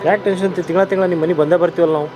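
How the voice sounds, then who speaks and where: A man playing a gentle husband, soothing, with a North Karnataka Kannada accent. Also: high voice, fairly even intonation, rapid-fire, noisy background, natural voice. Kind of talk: short film acting.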